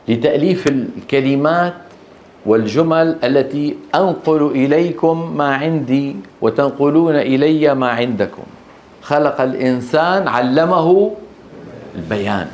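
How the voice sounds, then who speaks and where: A man teaching a class on Quran recitation. He explains slowly, repeats key terms and keeps checking that students are following with short questions. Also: mid-range voice, darkish tone, slight background noise. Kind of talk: classroom lecture.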